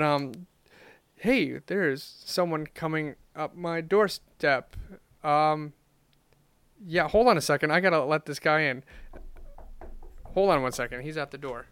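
A man hosting a casual podcast, his voice a bit high and clean, recorded close and dry. He talks loosely, stumbling through uhs and restarts. The tone stays informal throughout. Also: fairly bright tone, smooth, no room sound. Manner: loose and chatty, with many fillers. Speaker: podcast host.

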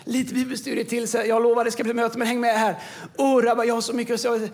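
A man giving an impassioned sermon as a pastor on a church stage, swinging from quiet stretches to shouting. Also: very high voice, level tone, creaky. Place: church stage with music behind.

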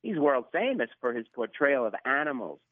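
A man with a Brooklyn accent talks as a guest in a radio interview. He is emphatic, often restating a phrase to drive it home. His pitch is average, and the sound is close and dry but slightly dull. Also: big pitch swings, moderate pace, dry recording. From Brooklyn, New York, USA.

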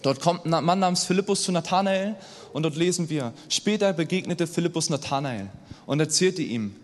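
A young man preaching a sermon in a lively, conversational way, often checking in with his listeners. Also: fairly high pitch, moderate pace. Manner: lively, conversational, asks the audience "oder?" often. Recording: long hall reverb.

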